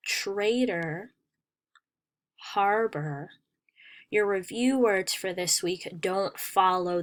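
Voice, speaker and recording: A woman teacher reading a spelling lesson for children, carefully enunciating each word. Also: mid-range voice.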